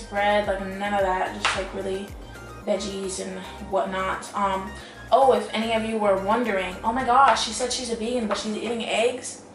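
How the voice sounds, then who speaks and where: In a casual, rambling cooking vlog, a young adult woman with a medium-pitched voice chats as if with friends, full of "like," "you know" and other fillers. She's a home cook filmed in her kitchen by a camera across the table, so the sound is roomy and distant, with background music.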